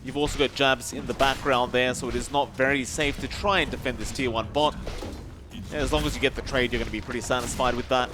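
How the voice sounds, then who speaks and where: A man commentating an esports match, calling the action quickly and rising in the fights. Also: mid-range voice, fairly even intonation, over music. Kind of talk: play-by-play commentary.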